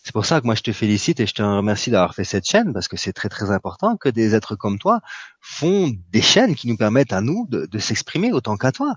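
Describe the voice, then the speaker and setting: A man's voice: lowish voice, very animated, fairly quick, slightly rough, no echo. A man speaking as a guest in an earnest, encouraging way, often repeating himself. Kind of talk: casual live conversation.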